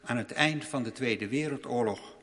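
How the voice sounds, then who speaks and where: A man preaching a sermon in a measured, reflective way, slowing to stress key phrases. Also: mid-range voice, a bit bright, long reverb tail.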